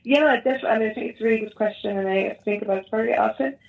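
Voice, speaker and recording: A woman with a North African accent answering interview questions in a conversational, explanatory way, often pausing and repeating words as she thinks. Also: fairly high pitch, vocal fry. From Morocco. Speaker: interview guest, Moroccan food cook. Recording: thin, phone-like call audio.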